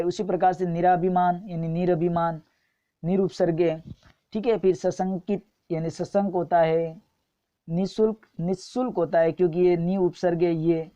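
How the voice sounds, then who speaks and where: Woman teacher going over spelling mistakes one by one, lowish dark voice, kinda muffled recording. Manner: explains patiently, repeating each wrong and right form, checks with "ठीक है". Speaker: Hindi grammar teacher. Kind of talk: exam-prep spelling lesson.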